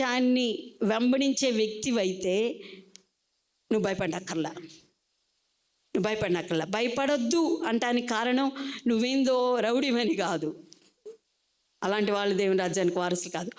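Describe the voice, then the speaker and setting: A woman pastor with a Telugu Andhra accent preaches with fervent conviction. Her voice sits fairly high and often climbs higher still as she urges her listeners on. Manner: preaching fervently, rising to loud high exhortations. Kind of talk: sermon.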